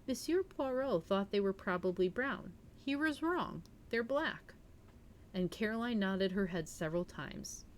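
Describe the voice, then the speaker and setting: A woman with a medium-pitched voice hosts a livestream, reading aloud in a storytelling manner and chatting casually with her viewers. There's a little hiss or hum in the audio.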